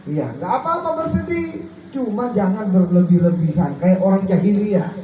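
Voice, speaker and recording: A man's voice: animated, moderate pace. Man preaching in an echoey hall. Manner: leaves words unfinished for the crowd to complete; rises high and soft on questions. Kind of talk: sermon. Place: large room at a gathering. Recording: dull, echoey, from a far mic, faint hiss.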